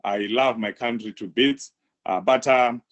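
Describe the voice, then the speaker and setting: Measured man. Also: medium pitch, fairly bright tone, lo-fi sound. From Zimbabwe. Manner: measured, halting, many pauses. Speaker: guest, human rights activist. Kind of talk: interview answers.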